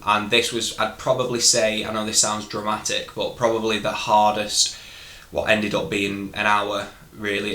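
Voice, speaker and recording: A man's voice: on the low side, pushed and bright. A man with a Northern English accent recounting things casually to camera as a vlogger, candid and a little hesitant, in a roomy echoing recording. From northern England.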